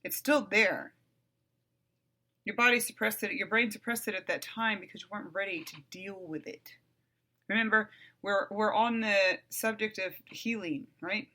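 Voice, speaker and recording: A woman's voice: mid-range voice, moderate pace, sharp tone. A woman in her forties from the United States, hosting a podcast solo and talking bluntly, swearing freely and repeating phrases for emphasis. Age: 40s. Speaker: podcast host. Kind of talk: casual solo podcast monologue.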